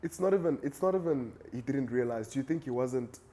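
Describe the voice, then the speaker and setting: A man's voice: medium pitch, animated, a little fast, dark tone. A young South African man co-hosting a casual chat, earnest and reflective, calling his friend "dog". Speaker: podcast co-host.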